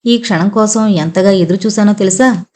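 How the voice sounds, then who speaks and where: A woman's voice: mid-range voice, normal speed, lightly acted. A woman reading the lines of a playful, affectionate young husband in an audio novel. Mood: tender. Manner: playful, gently teasing.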